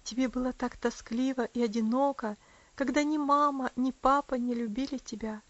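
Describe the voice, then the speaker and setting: A gentle young woman speaks with soothing tenderness, voiced by a woman reading the story. Her tone is high and affectionate. The recording is dull and dry. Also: steady tone, normal speed, no echo, lightly acted. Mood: tender. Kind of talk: audiobook character voice.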